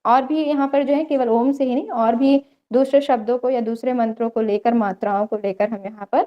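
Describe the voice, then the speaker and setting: A woman's voice: a little high, steady tone, brisk, lo-fi sound. A young woman teaching an online yoga theory class, explaining step by step and checking in often with her students. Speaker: yoga lecturer.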